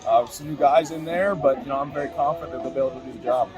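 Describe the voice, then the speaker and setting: A man being interviewed as a high school football coach, answering in a quick, plain-spoken way with fillers. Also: over music.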